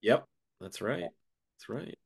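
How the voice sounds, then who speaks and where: A man's voice: mid-range voice, animated, slow pace, vocal fry, slightly rough. A man with a stuffed-up, nasal voice congested from a sinus infection, chatting casually as a podcast co-host.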